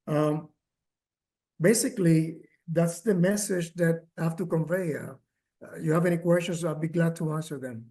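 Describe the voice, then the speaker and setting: A man speaking as a caregiver at a workshop, telling his story with many pauses, fillers and restarts, and growing emotional at times. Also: on the high side, dark tone. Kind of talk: personal testimony, remote talk.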